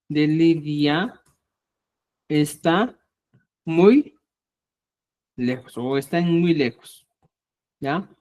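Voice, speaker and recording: A middle-aged man teaching a live online language class. He explains patiently and keeps checking that students follow. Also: fairly high pitch. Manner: patient, repetitive, checks understanding with frequent "ya?".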